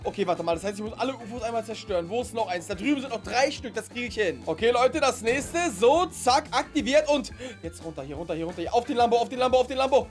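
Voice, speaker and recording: A young man doing excited gameplay commentary, often exclaiming and shouting as he talks to his viewers. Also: very high voice, fast talker, hardly any pauses, faint music behind. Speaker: gaming YouTuber.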